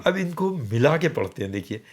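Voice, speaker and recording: A man's voice: fairly high pitch, very animated. Patient man teaching poetic meter. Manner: patient, counts syllables aloud and checks understanding. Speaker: poetry teacher explaining meter. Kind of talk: radio teaching conversation.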